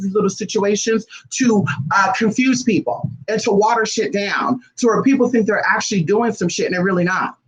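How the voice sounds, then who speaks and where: A man with a notably high-pitched voice delivers an unscripted, profane monologue to camera. He speaks bluntly and emphatically and keeps hammering his points with rhetorical questions. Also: fairly bright tone, poor audio. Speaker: spiritual practitioner vlogger.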